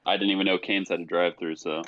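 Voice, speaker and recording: A man's voice: low voice, flat delivery, fast, a bit bright. A young man co-hosting a casual podcast chat, teasing and boastful. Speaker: podcast co-host. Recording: dry, dull lo-fi sound.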